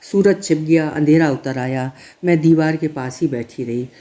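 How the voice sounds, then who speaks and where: A man reads a literary story aloud in the first person, measured and steady. His voice sits somewhat high with a mellow, soft timbre. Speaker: narrator.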